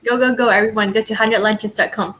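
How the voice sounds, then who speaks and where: A woman hosting a live stream, reading out audience questions in an upbeat, brisk way. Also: mid-range voice, fairly even intonation, fairly bright tone, a little hiss or hum, rough recording. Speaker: host.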